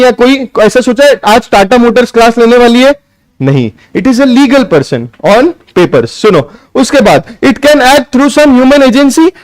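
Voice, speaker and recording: A man teaching a live online law class, talking loudly, mixing Hindi with legal lines and firing quick questions that he answers himself. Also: extremely high pitch, poor audio. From India. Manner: loud, quizzes students and answers himself; mixes Hindi with read-out English lines.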